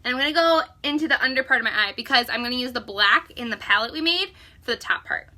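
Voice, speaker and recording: Bright, chatty young woman doing makeup. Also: high-pitched, lively intonation, fast. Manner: chatty, joking, filler-heavy "like". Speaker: makeup vlogger. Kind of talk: casual makeup tutorial chat. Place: home.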